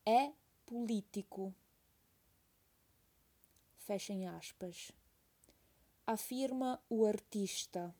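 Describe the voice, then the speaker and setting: A woman's voice: mid-range voice, drawn-out words, long pauses, warm tone, husky. A woman teacher reading a text aloud as a dictation, saying each phrase twice and calling out the punctuation.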